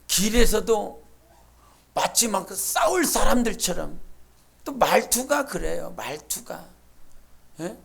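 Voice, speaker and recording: A woman pastor preaching a sermon in a church, with emphatic bursts, quiet asides and acted-out quotes. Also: mid-range voice, big pitch swings, slow, creaky, pauses often, slightly rough. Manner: acts out quoted speech and imitates sounds. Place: church sanctuary.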